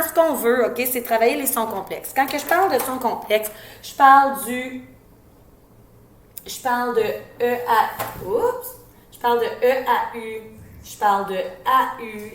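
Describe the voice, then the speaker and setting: A woman with a Québécois French accent, an educator giving parents reading tips in a casual teaching tone, slowly sounding out letters and syllables. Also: fairly high pitch, a bit bright, roomy sound. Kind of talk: informal instructional talk.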